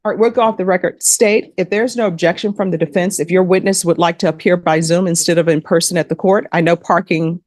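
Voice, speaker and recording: A woman judge in a courtroom, reading legal admonishments and sentences in a measured, formal way. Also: lowish voice, steady tone, a little mellow, no room sound.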